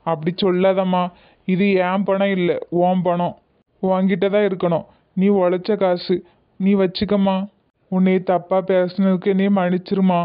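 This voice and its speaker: A man's voice: sits high, level tone, normal speed, smooth, close to an everyday voice. A cartoon figure of an older village moneylender, voiced by a man, humbled and pleading with a lilt. The voice stays level with little rise or fall. The audio is tinny and narrow. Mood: remorseful. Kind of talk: cartoon voice acting.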